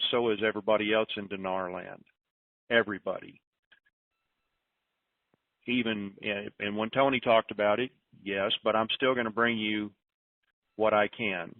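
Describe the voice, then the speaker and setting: Over a tinny, roomy phone conference line, a man hosts an informal group call, speaking in a lowish, steady voice that's a little slow, pausing often. He rambles through announcements in a folksy, disorganized way, thinking aloud as he goes.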